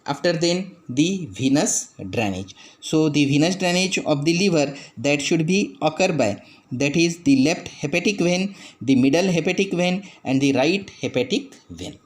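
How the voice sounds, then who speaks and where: Male anatomy lecturer, Indian English accent, slightly higher voice, methodical pointing-out delivery. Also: expressive, normal speed. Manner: explains step by step, pointing out structures; frequent "that is" and "after then" phrasing.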